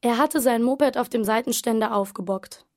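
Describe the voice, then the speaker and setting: A woman's voice: on the high side, a little mellow, no echo, studio quality. Woman narrating a suspense audiobook. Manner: tense, measured storytelling.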